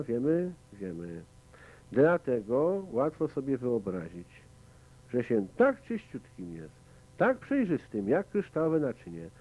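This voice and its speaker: Lively-voiced man teaching meditation, tinny sound. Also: mid-range voice. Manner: conversational, asks listeners questions. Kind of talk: spoken commentary on a meditation. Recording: tinny, phone-like lo-fi recording.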